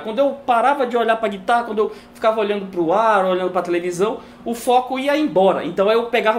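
A woman's voice: mid-range voice, a little hiss or hum. A woman teaching guitar in a casual video lesson, chatting and tagging her sentences with a questioning "né?" while she demonstrates on the guitar at home.

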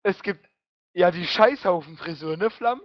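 A man's voice: high voice, moderate pace. A drunk young man with a German accent, swearing crudely in casual voice chat while gaming. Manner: crude, swears a lot, excitable. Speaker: online gamer. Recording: muffled lo-fi voice chat.

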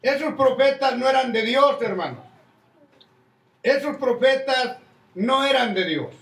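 Older man, pastor's sermon, very high voice, echoey room, heard from a distance. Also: animated, a little slow, fairly bright tone. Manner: preaching with many "hermano" asides. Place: church hall with crowd, indoors. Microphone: stand mic at pulpit.

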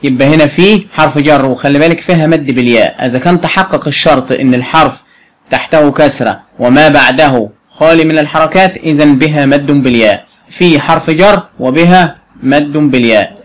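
A man with an Egyptian Arabic accent teaching a young pupil, spelling out words slowly and quizzing her as he goes. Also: a little high. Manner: slow, clearly spelled out words with frequent quiz questions. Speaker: primary school Arabic teacher. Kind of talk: patient classroom explanation to a young pupil.

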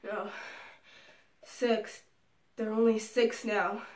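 A woman's voice: mid-range voice, little pitch movement, takes it slowly, darkish tone, close to an everyday voice. A young woman performing an audition scene as a defiant, anguished young woman seeking justice. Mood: grim, wounded. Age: young adult. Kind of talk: acted dramatic audition scene. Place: small room indoors, before a door. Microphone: camera at a few feet. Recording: roomy, distant microphone.

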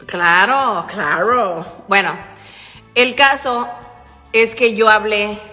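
Bright-voiced Mexican woman telling gossip. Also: mid-range voice, drawn-out words, long reverb tail, faint music behind. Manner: profane slangy talk addressed to "chicas". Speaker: livestreamer and online shop owner. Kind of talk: casual live-stream gossip storytelling. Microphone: phone.

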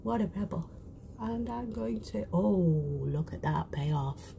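Woman, broad British accent, unhurried live-stream chatter with whispered asides, small cabin, faint hum behind. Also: lowish voice, expressive, creaky. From United Kingdom. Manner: chatty, drops into soft whispered asides while working. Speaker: beauty vlogger. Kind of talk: casual live makeup chat. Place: small cruise ship cabin.

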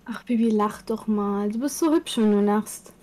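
A woman's voice: medium pitch, moderate pace, mellow, poor audio. Teasing woman chatting casually. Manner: teasing, self-critical. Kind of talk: casual chat.

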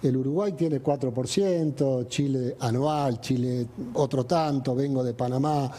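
A man's voice: medium pitch, measured pace, mellow. A man with an Argentine accent answering interview questions with emphatic, list-like declarations. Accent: Argentine Spanish. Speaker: business chamber president in a played interview clip.

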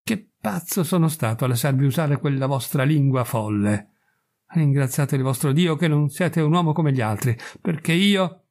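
A man's voice: fairly high pitch, normal speed, natural voice. A man doing a possessive, angry frontier man. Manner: forceful, possessive.

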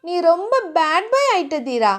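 A woman's voice: extremely high pitch, very animated, normal speed, voice pushed up. A woman doing a giggly, childlike young heroine. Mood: shy, giggly.

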